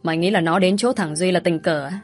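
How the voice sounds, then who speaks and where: A woman reading a brash, hot-tempered older sister type, scolding and cursing, lower voice, story narration. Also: fast talker, soft background music, lightly acted. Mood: indignant. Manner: swearing, scolding.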